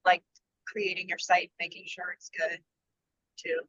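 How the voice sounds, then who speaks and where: A woman's voice: on the low side, wildly swooping pitch, a little slow, fairly bright tone, dry recording. Woman talking over a car speakerphone. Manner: chatty and rambling, loses her thread. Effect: car speakerphone on a video call. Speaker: filmmaker and producer. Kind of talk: casual video-call chat. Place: in a car on a freeway. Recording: dull lo-fi speakerphone line from a moving car.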